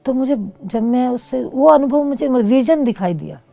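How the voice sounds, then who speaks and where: Gravelly-voiced middle-aged woman recounting. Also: high-pitched, animated, normal speed, dark tone, dull audio. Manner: earnest, reflective storytelling. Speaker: interview guest. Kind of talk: personal testimony.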